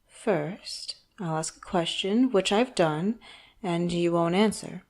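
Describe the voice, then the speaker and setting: In this audio roleplay, a woman with a lowish voice speaks a scripted monologue straight to the listener, cast as a refined, rich villain boss interrogating them. The mood is coolly menacing; she's slow, theatrical, mock-polite and taunting, condescending throughout, and slips now and then into hushed asides.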